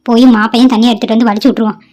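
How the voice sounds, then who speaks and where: A woman's voice: a little high, fairly even intonation, very fast, a little mellow, close to an everyday voice. A woman voicing a timid, overworked young stepdaughter in a cartoon, who talks in an anxious, pleading way. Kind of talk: Tamil cartoon voice acting. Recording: dull lo-fi dry recording.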